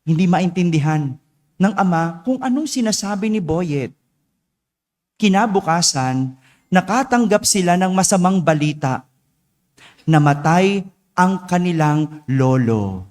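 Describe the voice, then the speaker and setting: A man's voice: sits high, lively intonation, measured pace, pauses often, darkish tone. A male priest preaching a homily, telling a story and tagging his lines with "no?". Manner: tells a story with frequent "no?" tag questions. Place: church. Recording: long church reverb.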